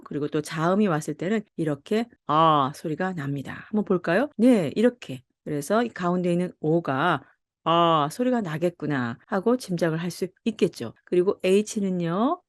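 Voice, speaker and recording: A woman teaching English pronunciation in Korean, friendly and patient, slowing down to model each sound in an exaggerated way. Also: on the low side, dry recording, studio quality. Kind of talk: phonics lesson, slow demonstrations.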